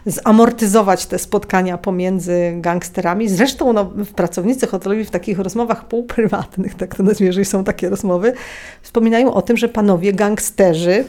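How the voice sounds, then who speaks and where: Woman guest, mid-pitched, animated storyteller with fillers. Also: brisk. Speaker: interview guest, researcher of a hotel's history. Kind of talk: casual interview.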